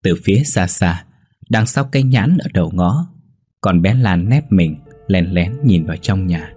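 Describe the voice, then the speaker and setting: Male ghost-story narrator, very low husky voice, faint music under it. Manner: steady, measured storytelling.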